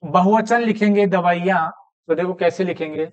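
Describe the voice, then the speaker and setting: A man teaching a Hindi grammar lesson, explaining step by step and repeating words slowly. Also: high-pitched, darkish tone, highs cut off.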